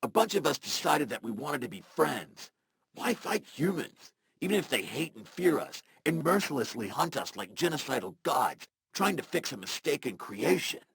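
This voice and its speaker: A man's voice: fairly high pitch, very animated, moderate pace, gravelly, a bit bright, husky, heavily acted. A man voicing a laid-back, friendly male robot in a video game, with a robotic filter on his voice and a casual, slangy way of talking. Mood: mellow.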